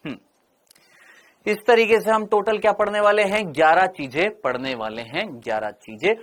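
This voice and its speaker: A middle-aged male teacher giving a biology lecture, asking questions and answering them himself, and drawing out key words slowly. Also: sits high, expressive, a bit bright. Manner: stretches out key terms slowly.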